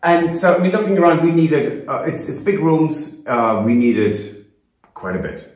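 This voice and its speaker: A man's voice: on the high side, animated, measured pace, darkish tone, echoey room. A middle-aged man chatting casually as co-host of a renovation vlog, telling stories with repeated words, recorded in a farmhouse living room. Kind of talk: casual chat.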